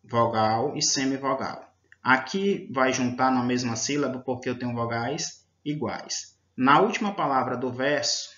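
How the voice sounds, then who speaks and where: A man's voice: mid-range voice, fairly bright tone. A male teacher, giving a patient slide lecture and checking in with his students often. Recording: echoey room, dull lo-fi sound.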